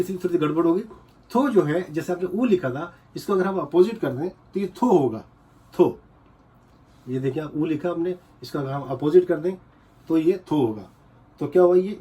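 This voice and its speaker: Guy teaching a lesson, kinda high-pitched but soft and warm, says every syllable over and over. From Pakistan. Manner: explains slowly, repeats syllables many times. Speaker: language teacher. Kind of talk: casual spoken lesson.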